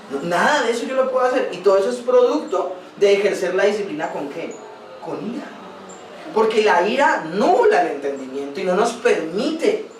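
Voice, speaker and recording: A man's voice: sits high, slight background noise. A male pastor preaching a sermon earnestly, now and then acting out quoted dialogue. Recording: roomy distant sound, recorded without a microphone.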